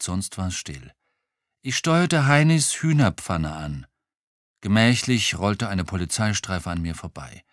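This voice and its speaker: Lively male audiobook narrator, dry sound. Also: fairly low pitch, dry recording. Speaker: audiobook reader. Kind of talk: first-person novel reading.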